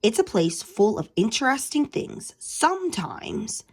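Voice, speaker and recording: A woman's voice: a little high, very animated, measured pace, husky, voice pushed up, exaggerated voice. A woman voicing a friendly father pig in a storybook, patient and explaining things.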